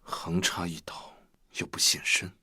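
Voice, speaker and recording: A man's voice: unhurried, pushed and bright. An actor playing a scheming, ambitious man who snaps in anger and then mutters in cold whispers. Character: scheming ambitious male schemer, middle-aged.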